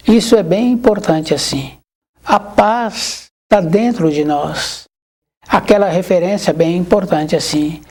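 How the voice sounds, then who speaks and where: Spiritual teacher, mellow tone, calm and measured, leans on repeated phrases. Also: medium pitch, breathy edge. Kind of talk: reflective spiritual talk.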